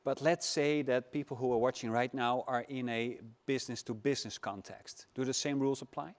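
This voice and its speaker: A man's voice: medium pitch, fairly even intonation, brisk, big-room sound. A man hosting an interview, giving short, agreeable prompts and questions. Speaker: interview host. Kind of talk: interview conversation.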